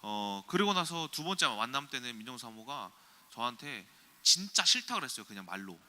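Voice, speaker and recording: A male pastor preaching a sermon, telling personal stories in an animated way. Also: medium pitch, normal speed. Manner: animated, anecdotal storytelling. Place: church sanctuary.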